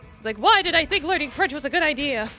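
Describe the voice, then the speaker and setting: Over soft background music, a VTuber plays a game and chats with viewers in a giggly, filler-heavy, rambling manner. She talks quickly and animatedly in a high, sharp voice.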